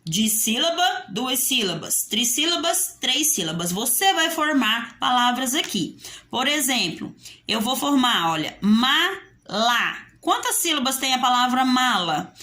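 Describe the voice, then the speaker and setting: A woman's voice: sits high, big pitch swings, a little slow, pushed and bright. A woman teacher with a Brazilian Portuguese accent giving a video lesson for young children, in a sing-song teaching voice that asks and answers pupils' questions.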